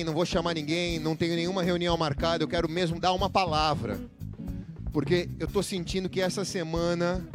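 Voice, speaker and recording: A man preaching as pastor in a church, telling a funny story and joking with his congregation in a livestreamed sermon. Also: sits high. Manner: joking, chatty, asks the congregation questions. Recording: guitar music playing underneath. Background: guitar music.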